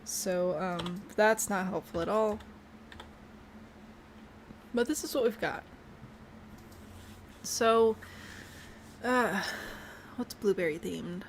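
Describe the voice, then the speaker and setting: A woman's voice: mid-range voice, slow, pauses often, slight background noise. A woman chatting casually to herself while she builds in a video game, bubbly and prone to trailing off mid-thought. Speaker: game streamer.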